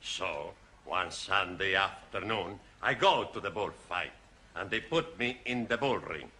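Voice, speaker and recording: An actor playing a cheerful Spanish student telling jokes in broken, Spanish-accented English in a sitcom. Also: male voice, low voice, a little slow, exaggerated voice. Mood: cheerful, showy. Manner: broken English, excitable showmanship, laughs at own jokes. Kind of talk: sitcom stand-up routine.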